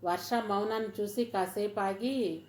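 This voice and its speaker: A woman narrating a family story in a steady, even storytelling manner. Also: medium pitch, unhurried. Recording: roomy echoey recording.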